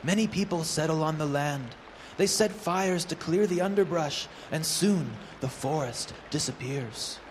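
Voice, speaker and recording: Storybook part: a stern, earnest toucan with a lowered voice, played by a woman. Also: unhurried, a little mellow, a little hiss or hum. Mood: grave. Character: grave, warning toucan.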